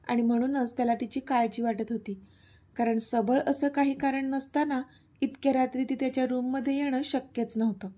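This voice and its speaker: Female narrator for a romance serial, mellow and warm, voice sits fairly high. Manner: steady reading aloud. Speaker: storyteller.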